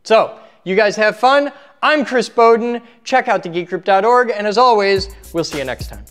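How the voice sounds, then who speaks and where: Soft music plays behind a man whose voice sits high and moves at a moderate pace. Host of an equipment teardown video series, he talks while he works, muttering informally to himself and getting animated when he turns to viewers for this casual hands-on demo. Clear background noise and handling clicks can be heard.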